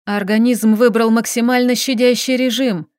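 A woman narrating a first-person romance audiobook in an expressive, dramatic reading. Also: on the high side, moderate pace, no room sound, clean studio sound.

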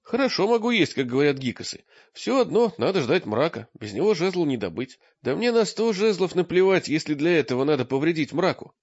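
A man voicing a cheerful, naive and stubborn young male singer in a high, eager voice, recorded with a dull lo-fi sound. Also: big pitch swings, a little fast, hardly any pauses, no echo.

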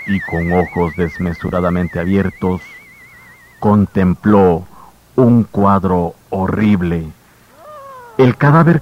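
A man tells a grim tale in a measured, solemn way, as in an old radio show. His voice sits very low and moves at an unhurried pace. The recording is muffled and carries a faint hiss. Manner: measured, grave storytelling. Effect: old radio show broadcast sound. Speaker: narrator. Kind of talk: scripted dramatic radio narration.

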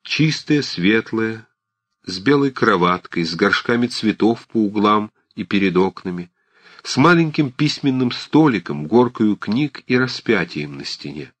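A man narrating a classic novel for an audiobook in a measured, expressive storytelling manner. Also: fairly low pitch, dry recording.

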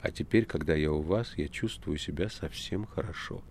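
A man doing a soft-spoken polite young woman. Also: very deep voice, normal speed, slight background noise. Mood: demure. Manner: soft, quiet, demure.

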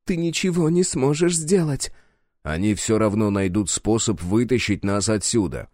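A man's voice: lowish voice, normal speed, a little mellow, dry recording, clean studio sound, close to an everyday voice. A man voicing a guarded, fearful young woman in an audiobook, speaking in tense, doubting lines. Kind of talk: audiobook character voice.

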